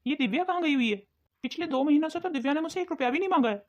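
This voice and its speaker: A woman's voice: high-pitched, lively intonation, racing, muffled recording. A woman voicing a suspicious young husband. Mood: puzzled. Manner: suspicious, questioning. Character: conflicted young husband, a man. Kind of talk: cartoon voice acting.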